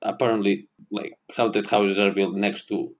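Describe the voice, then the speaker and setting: A man's voice: fairly low pitch, level tone, unhurried, lo-fi sound. A man co-hosting a podcast, telling a story in a loose, laughing way. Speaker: podcast co-host. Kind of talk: casual storytelling.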